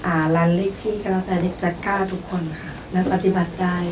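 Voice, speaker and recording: A woman teacher answering questions in a coaching session, speaking softly in short replies. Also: on the low side, flat delivery, fast talker, echoey room, far from the mic, a little hiss or hum. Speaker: teacher and workshop participant.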